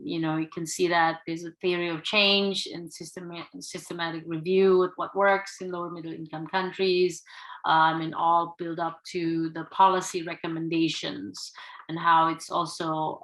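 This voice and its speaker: Woman, conference lecture; lowish, bright tone, halting delivery full of ums. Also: poor audio. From Indonesia. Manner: halting, many fillers. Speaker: conference speaker.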